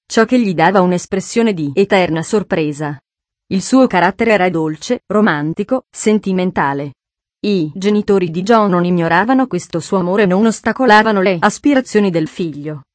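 A woman reading a classic novel aloud as narrator, in a measured, steady storytelling manner. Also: medium pitch, no room sound.

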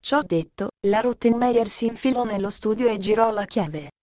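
A woman narrating a children's storybook in a steady, clear reading voice. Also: fairly high pitch, normal speed, dull audio.

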